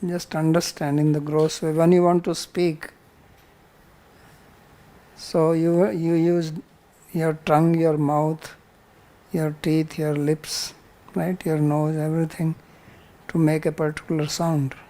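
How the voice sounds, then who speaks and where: This spiritual teacher, a man with an Indian accent, leads a scripture class in a didactic way, going over points again and using simple examples. His pitch sits on the high side with little movement, and his dark-toned voice moves slowly, broken by long pauses.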